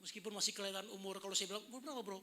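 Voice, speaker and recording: 50s guy preaching, high bright voice, jokey and chatty with the crowd. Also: steady tone, racing, a little hiss or hum. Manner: chatty, joking, addresses the congregation often. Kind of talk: sermon. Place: indoor service hall.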